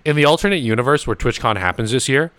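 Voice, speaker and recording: Talking fast in a medium-pitched voice, a young podcast host laughs and curses his way through a rambling, lively story. It's a casual storytelling conversation, captured in a dry recording with a clean tone.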